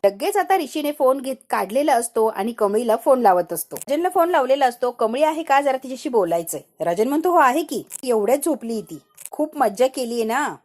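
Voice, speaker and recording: A woman's voice: high voice, big pitch swings, a little fast, a little mellow. A woman narrating a TV serial recap, telling the plot as a story and speaking every character's lines herself.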